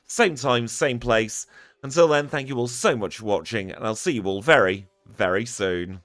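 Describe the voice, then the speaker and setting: A man's voice: medium pitch, normal speed, a bit bright, no echo, clean studio sound. A man wrapping up a live game stream, chatty and upbeat as he thanks his viewers one by one. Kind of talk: live stream sign-off chat.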